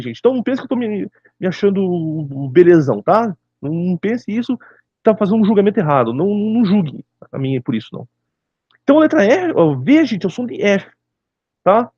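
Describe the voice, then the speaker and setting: Lively high-voiced Brazilian man explaining. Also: husky, dry recording, highs cut off. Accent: Brazilian Portuguese. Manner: keeps asking "tá certo, gente?" and addresses viewers directly. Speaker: religious video teacher. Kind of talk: casual explanatory monologue.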